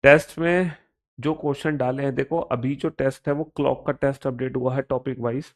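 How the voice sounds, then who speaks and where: A man's voice: mid-range voice, fairly even intonation, brisk. A man with an Indian accent teaching a live online reasoning class, chatty and playful, joking with students between explanations.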